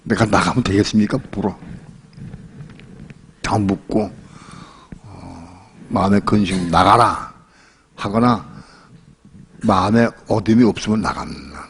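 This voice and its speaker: An older male pastor preaching a sermon in a relaxed, colloquial way, telling a personal story and acting out the voices in it. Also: fairly low pitch, slow, vocal fry, pauses often, a little hiss or hum. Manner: colloquial storytelling, acts out quoted voices and laughs often.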